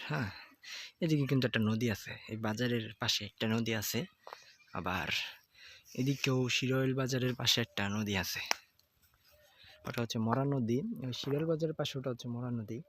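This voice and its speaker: A man's voice: medium pitch, fairly bright tone. Rambling man vlogging outside on a phone. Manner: rambling, repeats "okay?" often. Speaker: first-time vlogger. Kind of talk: casual outdoor vlog. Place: outdoors by fields in hot sun. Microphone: old handheld phone.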